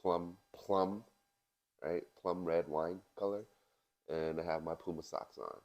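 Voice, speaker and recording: A young man co-hosting a casual podcast, relaxed and teasing, laughing easily. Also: sits low, unhurried, dull audio. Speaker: podcast co-host. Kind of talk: casual chat.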